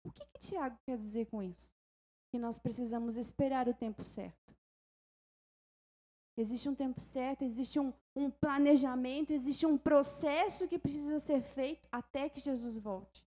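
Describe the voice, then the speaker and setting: A woman pastor with a Brazilian Portuguese accent preaching a fervent sermon, moving from calm storytelling to loud exhortation and often calling out to the congregation. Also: sits high, normal speed.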